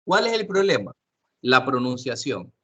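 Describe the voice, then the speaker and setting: A man's voice: medium pitch, sing-song, measured pace, a bit bright. A man teaching an English class online, explaining step by step, often repeating himself and checking with questions.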